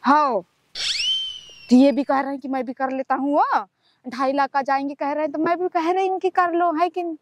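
A woman's voice: high voice, fairly even intonation, normal speed. A woman in a comedy sketch, chatting on the phone and bickering and scolding.

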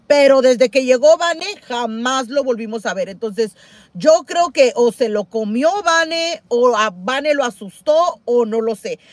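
A woman's voice: measured pace, dry recording. A middle-aged woman chatting casually on a livestream, reading viewer comments aloud and exclaiming with many repeated words. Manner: animated, exclaims and repeats herself, swings high and loud. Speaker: couponing livestream host.

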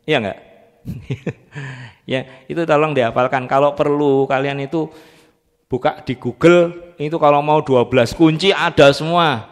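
A man's voice: fairly high pitch, fairly even intonation, measured pace. Quizzing male music teacher in a reverberant hall. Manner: quizzes students, drills letter names and solfege. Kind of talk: live music training class. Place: church training room.

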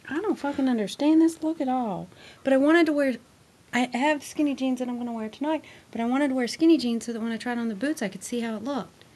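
A woman's voice: high voice, quick pace, mellow. A woman in her thirties, a mother getting dressed in her bedroom closet, complaining and swearing while her child films her on a handheld camera. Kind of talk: casual home video chat. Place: small bedroom closet at home, indoors. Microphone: handheld camera filmed by her child.

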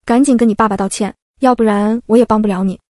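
A woman's voice: mid-range voice, fairly even intonation, quick pace, a little mellow, dry recording, clean studio sound, close to an everyday voice. A woman voicing a middle-aged mother who speaks in a coaxing, chiding way, in an audiobook reading.

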